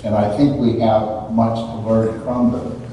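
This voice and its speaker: Slow priest in cathedral echo. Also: male voice, fairly low pitch, flat delivery, mellow. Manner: measured, halting, with pauses and repeated phrases. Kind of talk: liturgical Gospel reading and homily. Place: large reverberant church, away from the microphone. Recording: echoey cathedral-like hall, distant, muffled, faint noise.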